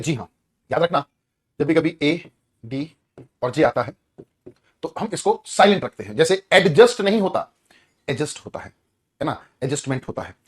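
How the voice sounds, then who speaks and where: A man teaching an online grammar lesson in a Hindi accent, energetic, repeating key words and asking students questions. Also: a little high.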